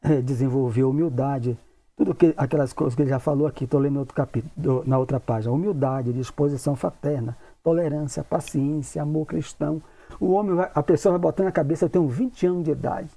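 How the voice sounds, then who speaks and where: This spiritist lecturer and study group leader, a man in his 60s, talks fast in a mellow, fairly high voice with fairly even intonation. He keeps the study session informal and conversational, playing out imagined questions and tacking on tag questions again and again.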